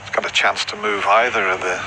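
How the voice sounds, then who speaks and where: A male snooker commentator speaks in a hushed, measured way. His voice sits on the low side. Clear background noise runs under the live commentary. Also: flat delivery.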